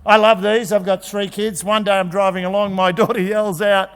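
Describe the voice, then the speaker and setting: A man gives a jokey, animated talk at a conference, acting out kids' voices. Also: high voice, moderate pace, smooth. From Australia. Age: 50s. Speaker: conference speaker. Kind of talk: energetic presentation. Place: large conference hall. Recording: long hall reverb.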